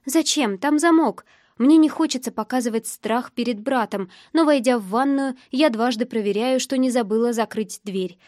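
A woman's voice: a little high, normal speed, few pauses, a little mellow, no echo. Woman narrating a tense novel, dry. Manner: tense, emotional storytelling. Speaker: audiobook narrator. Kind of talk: first-person novel narration.

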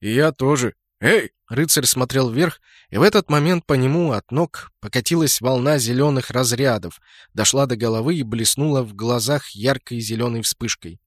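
A man narrating a first-person audiobook in a steady, even reading. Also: medium pitch, normal speed, no room sound, studio quality.

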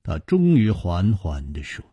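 A man telling a martial-arts story in a broadcast storytelling style, drawing out his phrases with a lively rise and fall. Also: low voice, a little slow, breathy edge, dry recording, muffled recording.

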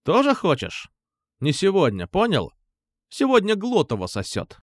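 A man's voice: high voice, wildly swooping pitch, a little slow, no echo, clean studio sound, pitched above the performer's own voice, exaggerated voice. Brief: oafish school bully, crude and mocking, a man doing it, audiobook. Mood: jeering. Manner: jeering, coarse, whiny when caught. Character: hulking crude teenage bully boy.

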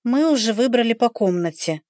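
A timid young student girl whose voice climbs high and bright when she is worried, as a woman reader puts her on. She pleads softly and sounds close to tears. The recording is dry and close. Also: normal speed, no room sound, close to an everyday voice. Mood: shy. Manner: timid and pleading, voice lifting higher. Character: shy, anxious young woman healer student. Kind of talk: audiobook character voice.

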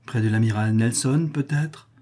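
For an audiobook, a man voices an anxious noble mother pleading with her son, raising his natural, dark, mid-range voice a little. He speaks at a moderate pace.

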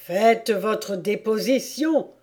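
A woman doing a pompous, angry king. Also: mid-range voice. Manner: loud, slow and threatening.

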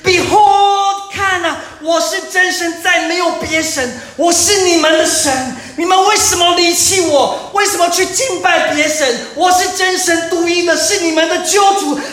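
A male preacher acting out an anguished God who roars pleading commands at his people, shouting in a high, strained voice and repeating each plea. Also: a little slow, few pauses, heavily acted. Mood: anguished roaring. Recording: echoey church hall, distant mic.

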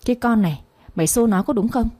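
A woman voicing a sharp-tongued elderly mother-in-law who scolds harshly, in a storybook reading. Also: a little high, fast talker, voice pushed up, lightly acted. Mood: angry. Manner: accusing, harsh.

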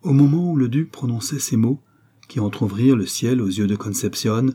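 Male audiobook narrator, measured and dramatic; dark, husky tone. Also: medium pitch, animated. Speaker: audiobook reader.

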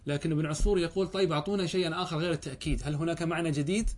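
A man teaching a grammar lesson. He reads lines of a text slowly, then explains them, often asking a question and answering it himself. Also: fairly high pitch, fairly even intonation.

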